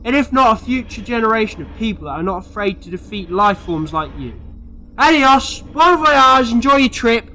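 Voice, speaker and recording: Male actor as clever, playful alien adventurer for audio drama. Very animated, forceful, self-assured and theatrical. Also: extremely high pitch, moderate pace, a little hiss or hum, full character voice, low-quality recording. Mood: triumphant, taunting. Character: eccentric, cocky, clever male time-travelling alien adventurer. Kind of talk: sci-fi audio drama acting.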